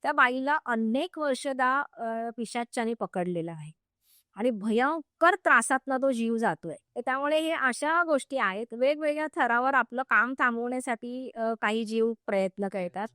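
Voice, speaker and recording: A woman's voice: on the high side, moderate pace, a bit bright, dry recording, clean studio sound. A woman spiritual teacher telling a story in a podcast interview, vivid and acting out what people said. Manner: vivid, acts out quoted speech.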